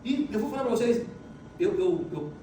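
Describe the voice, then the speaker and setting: His voice sits high and sounds mellow yet very animated as this middle-aged motivational speaker moves at a moderate pace, repeating phrases for force and telling stories with emphasis. Captured from a distance in a big, echoing event hall, with faint noise.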